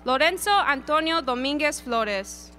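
A woman reading graduates' names at an outdoor graduation ceremony, announcing each one deliberately. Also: high voice, expressive, bright, forceful tone, soft background music. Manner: deliberate, lilting name announcing. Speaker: graduation name reader. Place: outdoor stadium ceremony over PA.

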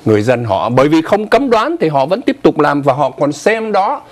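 An older man co-hosts a casual morning news program, his pitch swinging lively up and down as he explains. He talks in a chatty, conversational way, stopping for asides, and his voice comes through clean on a lapel mic in a TV studio. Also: normal speed. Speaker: news show co-host.

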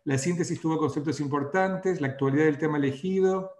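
A man's voice: a little high, brisk, echoey room. A man hosting an online webinar on a video call, reading out feedback and then explaining a point. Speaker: webinar host.

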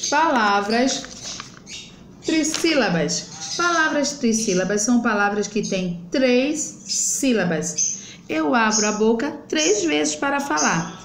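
A woman's voice: a little high, slight background noise. A young adult woman teaching children grammar, stretching words out syllable by syllable in a patient, explanatory way. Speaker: primary school teacher. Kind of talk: online grammar lesson for children. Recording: echoey room.

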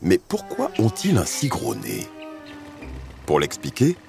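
A man's voice: on the low side, huge pitch swings, slow pace, creaky, over music. A man presenting and narrating a nature documentary in a scripted style.

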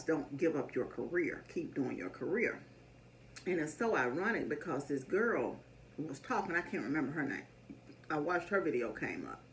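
A middle-aged woman rambling casually to her viewers over a meal, telling stories in a homely chat. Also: low-pitched. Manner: rambling storytelling, addresses viewers as y'all. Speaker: mukbang vlogger. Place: small indoor dining room. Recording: distant mic, faint background noise.

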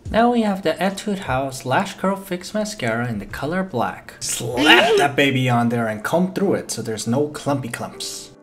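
Playful young man, lively joking voiceover. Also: mid-range voice, normal speed, few pauses. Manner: playful, jokey, swears freely, loud exclamations. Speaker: boyfriend doing a makeup video voiceover. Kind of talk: comedic voiceover narration. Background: faint background music.

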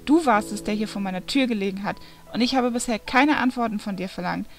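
A woman's voice: on the high side, animated, fairly quick, faint music behind. A woman reading aloud voices a snappy, angry young male demon, the son of Satan, who scolds and demands answers. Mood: furious.

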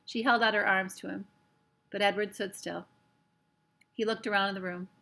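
A woman reading a children's novel aloud in a gentle, expressive storybook manner. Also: mid-range voice, moderate pace, creaky. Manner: gentle, expressive storytelling with voiced character lines.

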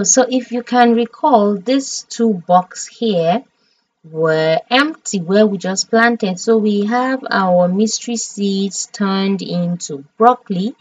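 Slow-talking Nigerian woman, dramatic streamer. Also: medium pitch, no room sound, far from the mic, rough recording. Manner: dramatic, expressive, chatty. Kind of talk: game stream commentary.

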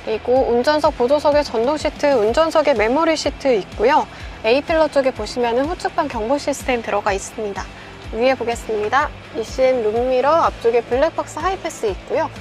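A woman's voice: high-pitched, a little fast. A young woman giving a methodical, polite scripted car walkaround as a sales presenter, over background music. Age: young adult. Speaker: used car dealership presenter. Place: large indoor car showroom, car interior and garage.

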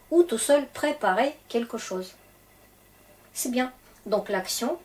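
Russian accent lady teacher, slow patient grammar explaining, kinda high voice. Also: darkish tone. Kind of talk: grammar lesson for French speakers.

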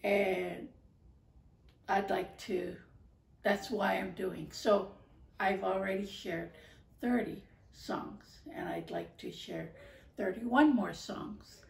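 A middle-aged woman from Hawaii talking casually to camera about her ukulele videos, pausing often with fillers. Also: medium pitch, animated, gravelly, a little mellow. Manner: halting, many fillers, gestures while talking. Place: living room, indoors. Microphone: far camera. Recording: echoey room from a distance.

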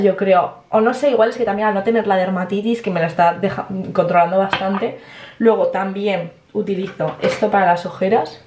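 A woman's voice: mid-range voice, a little mellow. A woman, chatting casually to camera in a vlog, swearing freely and slipping in English words. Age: early 20s. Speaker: vlogger.

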